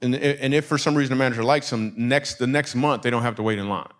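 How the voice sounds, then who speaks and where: A middle-aged man from Michigan doing stand-up storytelling, animated, acting out the voices of people in his story and laughing along with his own lines. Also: medium pitch, quick pace. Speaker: stand-up comedian. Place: comedy stage before a live audience.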